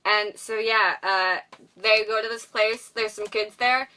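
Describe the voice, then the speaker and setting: A woman's voice: mid-range voice, fairly even intonation, measured pace, pushed and bright, recorded from a distance. A woman casually reviewing a movie in a chatty, giggly way, full of fillers. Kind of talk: casual chat.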